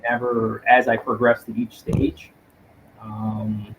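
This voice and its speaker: A man from Canada, a detective inspector and guest, telling his personal story in a reflective, earnest way with frequent pauses. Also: on the low side, level tone, vocal fry, background noise.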